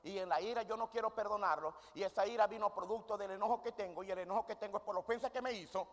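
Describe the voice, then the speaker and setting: Rapid-fire and fairly bright, his high-sitting voice carries a sermon through a reverberant church hall. He keeps up a call-and-response, questioning the congregation and answering on his own.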